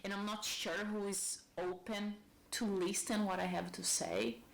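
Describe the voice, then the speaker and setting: Speaking from home in a meandering vlog, this YouTuber in her thirties thinks out loud in English with a strong Brazilian Portuguese accent, English being her second language. Her mid-range voice barely shifts in pitch, comes out unhurried with vocal fry, and the recording is rough.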